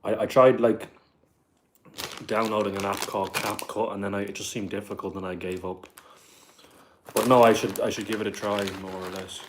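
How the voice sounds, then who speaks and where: A man's voice: lowish voice, level tone, normal speed, pauses often, noisy background. A man with a Dublin Irish accent hosting a casual livestream, reading viewer questions aloud and answering them with lots of "like" and "bro". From Ireland. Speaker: livestream host.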